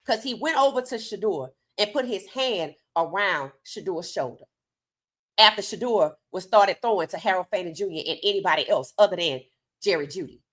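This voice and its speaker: A woman's voice: medium pitch, animated, moderate pace, a bit bright. A woman delivering opinionated sports commentary straight to her audience, emphatic, with rhetorical questions and repeated phrases.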